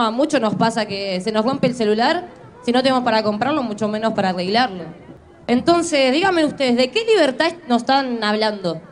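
Young Argentine woman, fervent rally speech, high register. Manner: impassioned, building to forceful appeals. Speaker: youth speaker at a rally. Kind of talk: impassioned protest speech.

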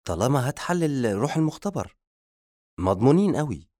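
A man with an Egyptian accent voicing a dim-witted male assistant who cracks quick jokes. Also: mid-range voice, very animated, a little mellow, dry recording, studio quality, voice pushed up. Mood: wisecracking. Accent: Egyptian Arabic.

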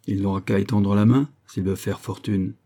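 A man's voice: on the low side, steady tone, moderate pace, dark tone, natural voice. A man reading the part of a firm, self-assured young colonel in an audiobook, speaking earnestly and persuasively.

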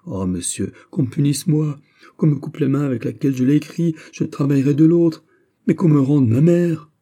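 A man's voice: fairly high pitch, moderate pace, warm tone, pitched above the performer's own voice, natural voice. A man voicing a desperate eighteen-year-old prisoner who begs in anguish. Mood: pleading. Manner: anguished, begging.

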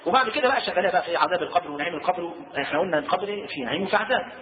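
Man, Egyptian accent, preacher, very rapid delivery, tinny phone-like sound. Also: sits high, animated. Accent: Egyptian Arabic. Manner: chatty, keeps asking rhetorical questions. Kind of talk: colloquial religious lesson. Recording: tinny lo-fi roomy recording.

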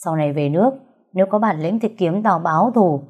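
Cold young male mobster in an audiobook, even and quick; female reader plays him. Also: on the low side, breathy edge. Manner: flat, even, unbothered delivery. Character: cold, ruthless young male gangster, calm and mocking.

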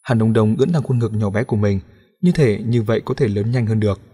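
A man reading a novel aloud as an audiobook narrator, in a steady, even storytelling manner. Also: on the low side, quick pace, breathy edge.

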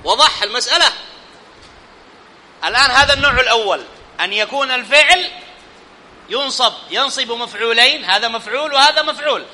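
A male teacher with a high, piercingly bright voice leads a classroom grammar lesson. He keeps asking students questions and checking whether they follow. The sound rings out in a long hall reverb. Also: brisk, pauses often.

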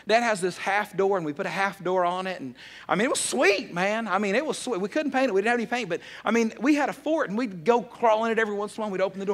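A man with a high-pitched voice preaching a sermon. He talks in a loose, conversational way as a pastor and slips into humorous storytelling.

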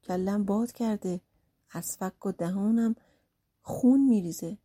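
Woman voicing a gruff mustached thief. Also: mid-range voice, dark tone, natural voice. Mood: begging. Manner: gruff and dismissive. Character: thieving thick-mustached grown man, gruff. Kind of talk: folk tale storytelling.

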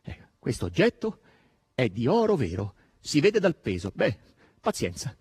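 A man's voice: mid-range voice, wildly swooping pitch, measured pace, darkish tone, breathy edge, dry recording, clean studio sound, heavily acted. A man voicing a desperate young woman in an audiobook reading, urgent and emotional. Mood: bitter.

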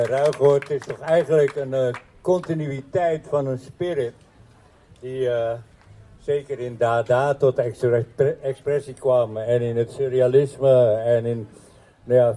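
A man giving a casual interview answer as a festival organiser, pausing often with fillers. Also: mid-range voice, dark tone. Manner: hesitant, many fillers.

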